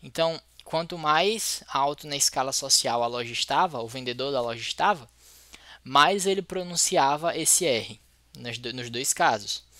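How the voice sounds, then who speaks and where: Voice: mid-range voice, expressive, normal speed, a bit bright, dry recording. A teacher with a Brazilian Portuguese accent giving an explanatory lecture, thinking aloud and restarting words mid-sentence.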